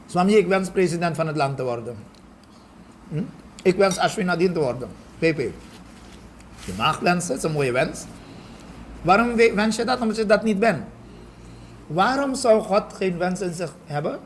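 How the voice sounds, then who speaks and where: A man, a spiritual teacher, giving a study lecture and often checking in with a quick "ja?" and a rhetorical question. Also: high voice, expressive, a little hiss or hum. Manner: explains with frequent rhetorical questions and "ja?" checks, mixes in English phrases.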